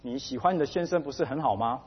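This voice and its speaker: A man quoting, in his own husky voice, an elderly pastor who counsels sternly and seriously, recorded dull with a long hall reverb. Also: mid-range voice, fast. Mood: grave. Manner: serious, admonishing.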